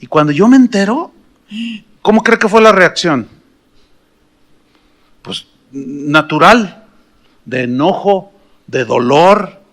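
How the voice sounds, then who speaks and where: A middle-aged pastor with a Mexican accent, his voice sitting high for a man. He preaches in an animated, humorous way, telling stories and throwing questions at the congregation. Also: slow pace, long pauses. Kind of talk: storytelling sermon.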